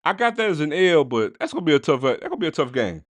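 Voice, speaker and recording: A man hosting a casual sports podcast, talking straight to his listeners in slangy, animated bursts. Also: a little high, quick pace, dry recording. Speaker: podcast host.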